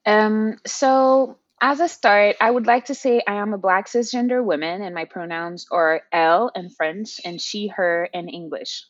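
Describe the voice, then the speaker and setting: A young woman from Haiti, a podcast guest speaking thoughtfully in a casual interview, pausing to find her words. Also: mid-range voice, no echo, highs cut off. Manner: thoughtful, with fillers and restarts.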